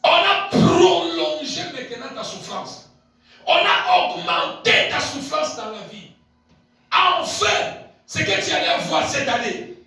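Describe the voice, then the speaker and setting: A man preaching a sermon as pastor, swinging between shouted peaks and low murmured asides and repeating key phrases. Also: big pitch swings, slow pace. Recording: very echoey hall, voice picked up from a distance.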